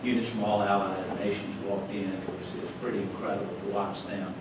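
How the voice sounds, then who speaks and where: A deep, level-toned male voice, moving a little fast, belongs to an older North Carolinian giving a club a chatty, folksy slide talk full of chuckled asides. He's the guest speaker in a meeting hall, and the noisy recording echoes, taken from far away.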